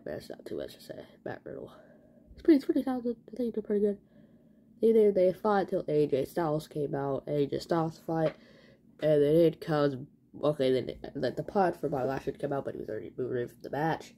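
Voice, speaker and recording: A young woman with a low, mellow voice recaps a wrestling show for her vlog. She rambles and gets excitable, tossing in slang as she goes, and the room has a faint hiss. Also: brisk. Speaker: vlogger. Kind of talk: casual wrestling event recap.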